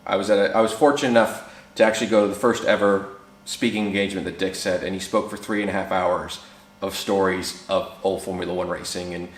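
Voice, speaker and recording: A man with a fairly low voice tells anecdotes in a relaxed, conversational way, slipping into the voices of the people in his stories. He speaks in his workshop, and the room's echo hangs around his words. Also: fast. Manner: animated, acts out quoted voices, relaxed fillers. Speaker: former racing team mechanic telling stories. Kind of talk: casual anecdote storytelling.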